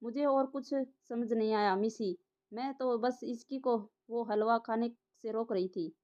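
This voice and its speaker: A quick, evasive young woman, voiced by a woman narrator in an audio drama. The voice is mellow and fairly high, in a dull, lo-fi recording. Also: close to an everyday voice.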